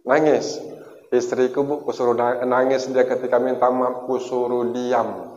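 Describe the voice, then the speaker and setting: A man's voice: mid-range voice, little pitch movement, unhurried, a little mellow. A male preacher giving a folksy Ramadan sermon, asking his congregation questions, over a microphone in a large mosque hall. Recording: dull echoey mosque hall sound.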